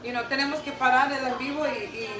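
Young mother co-hosting a livestream; excitable, high voice; echoey, distant, noisy audio. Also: fast. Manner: excitable, mixes in English words. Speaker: co-host, mother. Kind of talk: casual livestream storytelling.

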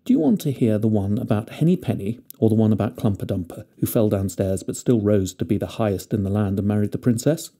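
A man's voice: on the low side, lively intonation, fast, hardly any pauses, mellow. A man voicing a kindly fat little man who tells children a story in a genial, chatty way.

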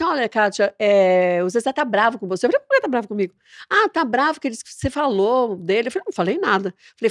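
A woman, a TV presenter, chatting as a podcast guest and telling a story lively, acting out the dialogue. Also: medium pitch, no room sound, clean studio sound. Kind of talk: casual interview chat.

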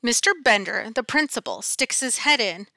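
A middle-aged woman teacher reading a picture book aloud in an expressive, dramatic, deliberate storytelling style, close on a headset mic. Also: on the high side, vocal fry, dry recording. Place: small classroom, indoors.

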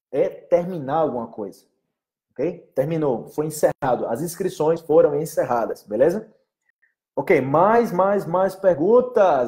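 A man's voice: fairly high pitch, dark tone. A young Brazilian man teaching Portuguese in a casual live Q&A, rambling and often checking in with "entendeu?". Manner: chatty, rambling, keeps asking "entendeu?". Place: in Colombia.

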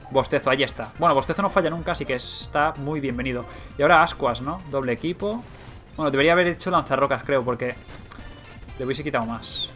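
A young man with a Spain Spanish accent talks through a video game while he plays, thinking aloud and cursing when things go wrong. His voice sits a little high and sounds bright and sharp, with faint game music under it. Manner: excitable, swearing, thinking aloud. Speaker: let's play gamer. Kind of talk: live game commentary.

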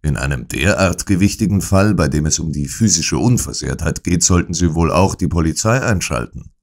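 A man playing a calm, unmoved detective. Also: deep voice, normal speed, vocal fry. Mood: composed probing. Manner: composed, unmoved, probing. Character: calm, sharp-minded male detective. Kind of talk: audiobook character voice.

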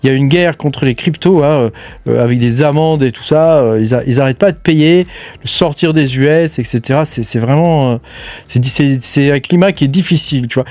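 A man's voice: mid-range voice, fairly quick, a little mellow, no room sound. Chatty man with a dry close sound. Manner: chatty, filler-heavy, talks straight to the viewer. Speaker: crypto mining news host. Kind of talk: casual unscripted commentary.

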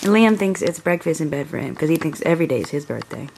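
A woman's voice: deep voice, expressive, fast, vocal fry, a little mellow. A woman in her twenties narrating and chatting casually as a vlogger, recorded on a noisy handheld camera. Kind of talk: casual vlog narration and chat. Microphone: handheld camera at arm's length.

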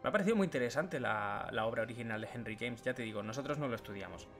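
A man's voice: medium pitch, animated, very fast, fairly bright tone, soft background music. A man from co-hosting a podcast, chatting casually and explaining things at length. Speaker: podcast co-host. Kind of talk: casual chat.

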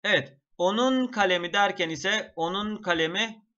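Here the teacher's voice is high-pitched, bright and forceful, delivered at a moderate pace. He breaks the exam material into steps, addresses the class again and again, and chants vocabulary lists melodically. The recording has a dull, lo-fi quality.

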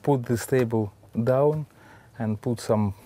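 Halting Russian-accented man, deeper voice. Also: mellow, slight background noise. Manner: halting, simple broken English with repeated words. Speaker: adventurer and sailor, interviewee. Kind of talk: casual interview, explaining. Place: on a sailboat in a marina, cockpit and cabin. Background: music.

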